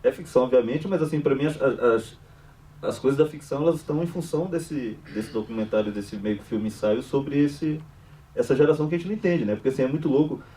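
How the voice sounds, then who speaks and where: A man's voice: mid-range voice, fast, dark tone. A man, a filmmaker guest at a cinema debate, talking loosely with slang and restarts. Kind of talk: casual post-screening debate. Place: cinema hall. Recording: distant mic with faint noise.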